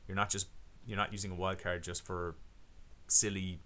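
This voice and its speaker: A man's voice: low voice, flat delivery, normal speed, fairly bright tone. A man co-hosting a podcast, explaining fantasy football plans step by step in casual chat, often restarting his sentences. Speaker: podcast co-host.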